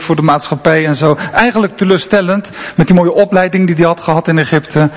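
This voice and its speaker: Male preacher, high voice, conversational and emphatic, long church-hall reverb. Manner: conversational, emphatic preaching with frequent rhetorical questions. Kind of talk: sermon.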